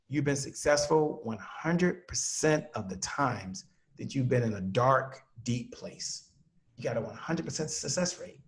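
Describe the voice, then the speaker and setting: A man who trains sales teams, a guest telling a personal story in an earnest, motivational way. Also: mid-range voice.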